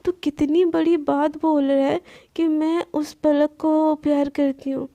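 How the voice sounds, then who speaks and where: A woman's voice: sits high, level tone, measured pace, warm tone. A woman acting as a stammering, flustered young woman. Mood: flustered, defensive. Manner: stammering, panicky and defensive. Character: flustered young woman denying she is in love.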